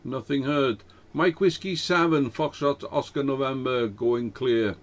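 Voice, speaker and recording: An unhurried man of medium pitch chats on amateur radio, polite and a bit hesitant, in a casual contact. The sound is dull lo-fi radio-link audio from a cheap dynamic microphone.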